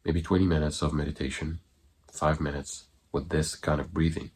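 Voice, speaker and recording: A man coaching viewers through an exercise in an informal, halting way, in short phrases. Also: rumbling low, little pitch movement, darkish tone, slight background noise. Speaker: breathwork coach giving online guidance. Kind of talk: instructional talk to viewers.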